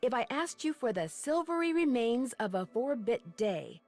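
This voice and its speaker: A woman's voice: a little high, big pitch swings, normal speed, a little mellow, soft background music. An actress playing a polite, inquisitive young woman amateur detective in a game. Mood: earnest.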